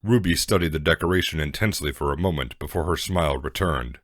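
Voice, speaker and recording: An extremely deep-voiced man narrates a scripted story at a fast clip. The recording is dry and close, with little room sound.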